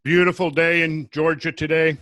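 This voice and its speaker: A man's voice: a little high, flat delivery, normal speed, fairly bright tone, dry recording. A man with a Minnesota accent chatting casually on a podcast, jokey and self-mocking. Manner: jokey, playful self-mockery. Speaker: podcast regular.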